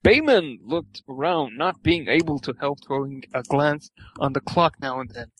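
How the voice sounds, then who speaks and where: A man's voice: a little high, lively intonation, moderate pace, dry recording, rough recording. A man reading fan fiction aloud for laughs, stumbling over words and swearing at the text. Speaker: reader.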